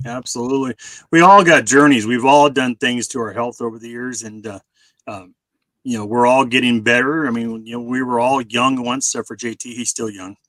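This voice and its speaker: A man's voice: mid-range voice, steady tone, a little fast, fairly bright tone, no room sound, rough recording. A man in his forties chatting casually on a video call, rambling with many fillers and restarts. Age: 40s.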